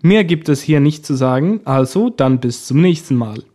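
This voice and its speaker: A man narrating a scripted language lesson in a calm, clear, explaining manner. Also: on the high side, moderate pace. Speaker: language teacher.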